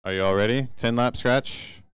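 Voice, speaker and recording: A track announcer from Kentucky calls a live bicycle race over the PA in a very clear, ringing, mid-range voice at normal speed. The sound is dry and close, and he relaxes into playful, jokey asides between his play-by-play calls.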